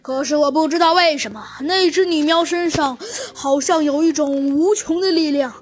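A woman voicing a troubled male wolf, sighing, halting, high voice, faint music behind. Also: close to an everyday voice. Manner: sighing, halting storyteller's retelling. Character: worried male wolf elder recounting troubles.

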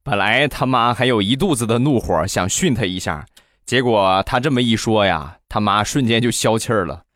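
A man hosting a comedy podcast, telling funny stories about his wife and family in an animated, chatty way. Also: fairly low pitch, normal speed, no echo, studio quality. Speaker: comedy show host. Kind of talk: comic storytelling.

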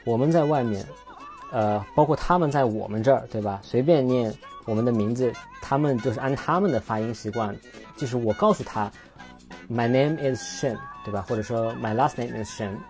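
Casting note: male podcast host, mellow low-key tone, chatty and rambling, faint music underneath. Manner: rambling, self-correcting, looks things up mid-talk. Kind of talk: casual solo podcast chat.

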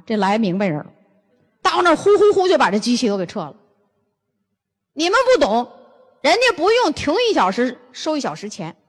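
An older woman gives a lively lecture. She tells stories bluntly and throws rhetorical questions at the audience. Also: on the high side, in a large hall. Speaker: lecturer on health and nutrition.

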